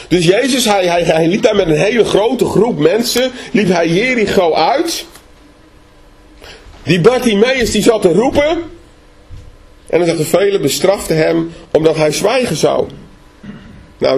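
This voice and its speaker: In a high, husky voice, a man preaches a sermon conversationally. He often puts rhetorical questions to his listeners.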